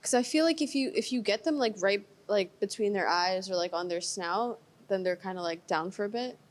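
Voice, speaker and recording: A woman co-hosting a podcast, playful and animated, giggling as she talks. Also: medium pitch, fairly quick. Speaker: podcast co-host. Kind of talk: casual chat.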